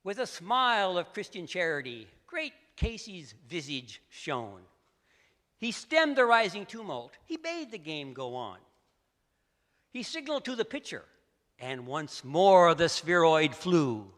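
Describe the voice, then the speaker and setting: A man's voice: high-pitched, sing-song, unhurried. Theatrical man reciting in an echoey hall. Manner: theatrical, sweeping swings from hush to loud outbursts. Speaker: storyteller. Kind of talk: dramatic poetry recitation. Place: large assembly hall.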